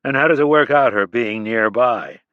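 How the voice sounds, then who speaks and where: A man's voice: fairly low pitch, fairly even intonation, quick pace, no echo, phone-quality sound, lightly acted. A man reading an audiobook, voicing a skeptical male detective who asks clipped, blunt questions. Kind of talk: audiobook character voice.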